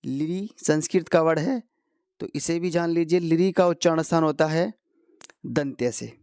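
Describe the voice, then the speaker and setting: A man teaching Hindi grammar to exam students, going slowly, posing questions and answering them himself. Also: a little high, darkish tone, clean tone, no room sound, clean studio sound. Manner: slow, repeats key answers, asks and answers his own questions. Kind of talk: explanatory lesson for competitive exam students.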